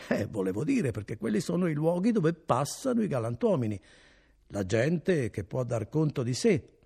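A man's voice: fairly high pitch, sing-song, moderate pace, dark tone, pitched above the performer's own voice, heavily acted. A man doing a sly prying innkeeper. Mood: insinuating. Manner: probing, smooth and insinuating. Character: sly curious middle-aged male innkeeper. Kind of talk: audiobook character reading.

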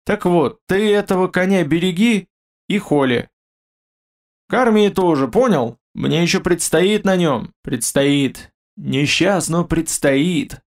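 A man's voice: sits high, animated, takes it slowly, exaggerated voice. A man reading a story, voicing a blunt, folksy young king who speaks with easy irony. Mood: stern. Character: gruff young male king, boastful and blunt.

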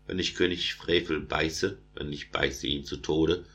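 A tiny ant queen out for revenge on a tyrant, voiced by a man with a very deep, low voice. Her lines come in even, rhythmic verse. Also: measured pace, full character voice. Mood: scheming. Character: female ant queen, small and vengeful.

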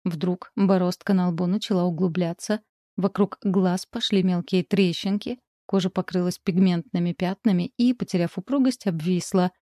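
A woman narrating a literary story in a calm, measured audiobook reading. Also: on the low side, no room sound, studio quality.

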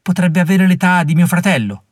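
A man's voice: high voice, animated, fairly quick, dry recording, studio quality, voice pushed up. A man reading an audiobook voices a fierce young Mohawk woman who scolds warriors scornfully and commandingly. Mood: fierce scorn.

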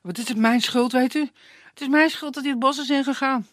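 A man's voice: extremely high pitch, fairly even intonation, fairly quick, a bit bright, no echo, studio quality, pitched above the performer's own voice. A storyteller voicing a lovesick young woman who pleads anxiously for directions in a puppet tale. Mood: pleading.

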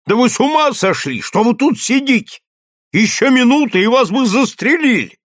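A man voicing a rough, soldierly but kind canteen-keeper woman in an audiobook, talking loudly and bluntly. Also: high-pitched, expressive, moderate pace, no room sound, studio quality, voice pushed up. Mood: alarmed scolding. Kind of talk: audiobook character voice.

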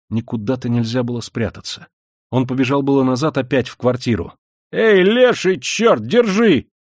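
A man giving scripted literary narration of a novel in a measured way, dropping low in tense passages. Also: a little mellow, breathy edge, no echo, clean studio sound. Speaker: audiobook narrator.

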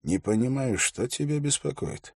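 A man voicing a gruff, grey-bearded old ranger who speaks in a dry, wry, unhurried way. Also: medium pitch, expressive, no echo, voice pushed up.

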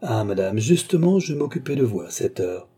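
A man doing an excitable fussy lawyer. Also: mid-range voice, normal speed, slightly rough. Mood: effusive. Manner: excitable, effusive, loud. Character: agitated fussy male lawyer.

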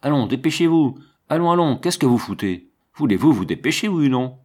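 A man's voice: medium pitch, very animated, brisk, darkish tone, husky. A man voicing an impatient sergeant who barks urgent orders at his men. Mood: impatient shouting. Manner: barking, urgent. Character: harried male sergeant shouting orders, impatient.

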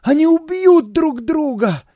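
A quick-witted young ballerina in an audiobook, giving brisk orders in a high, lively voice, which a male narrator puts on. The tone is slightly husky and the sound is dry. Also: no echo, full character voice. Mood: alarmed. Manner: commanding, brisk. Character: bold, imperious young woman, a ballerina. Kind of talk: audiobook character voice.

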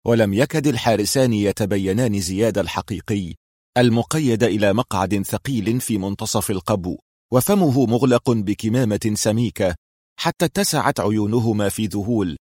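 A man's voice: lowish voice, moderate pace, darkish tone, no echo, clean studio sound. A man reading a thriller audiobook with dramatic, suspenseful narration.

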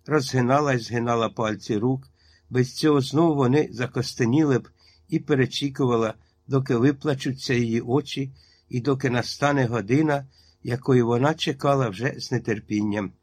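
A man reading a literary story aloud as audiobook narration, with a measured, even delivery. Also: medium pitch. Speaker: reader.

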